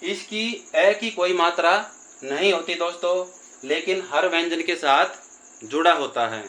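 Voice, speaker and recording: A man's voice: on the high side, a little slow, bright, forceful tone, low-quality recording. A man teaching a grammar lesson, patiently repeating and drawing out vowel sounds while addressing his listeners as friends.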